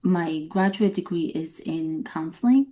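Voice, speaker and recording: A woman from Bosnia, a therapist, answering interview questions thoughtfully with pauses. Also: on the low side, dark tone. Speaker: therapist guest.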